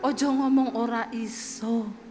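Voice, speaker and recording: A woman voicing her soft-spoken Javanese husband from Solo, whose speech is slow and calm and drops low at the end of each phrase. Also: in a large hall, soft background music, natural voice. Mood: coaxing.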